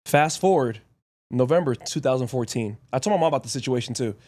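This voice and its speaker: A young man hosts a podcast, telling stories casually in short, blunt, profane bursts. His voice is medium-pitched and expressive with a darkish tone, and he fires off rapid anecdotes in short clauses.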